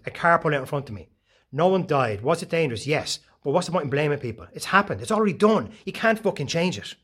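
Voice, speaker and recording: A man, giving a casual, profane motivational talk full of animated storytelling. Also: a little high, slightly rough. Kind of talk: casual monologue.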